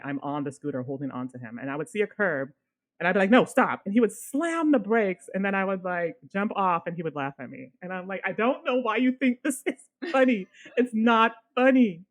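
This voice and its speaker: A woman co-hosting a podcast, telling a personal story in a casual, animated way and swearing now and then. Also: on the low side. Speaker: podcast co-host.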